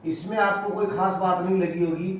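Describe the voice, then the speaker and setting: A man with an Indian accent teaching English pronunciation, spelling out words letter by letter and repeating each one slowly. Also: high-pitched, steady tone, a little hiss or hum. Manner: slow and deliberate, repeating each word. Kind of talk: classroom lesson, spelling out words. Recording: echoey room, voice from far off.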